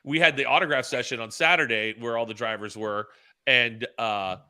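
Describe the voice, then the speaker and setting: A man co-hosting a casual podcast, telling animated stories and acting out what people said, laughing often. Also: medium pitch, normal speed, clean tone. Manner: animated storyteller, acts out quotes, laughs often. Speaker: podcast co-host and track announcer. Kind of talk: casual chat, storytelling.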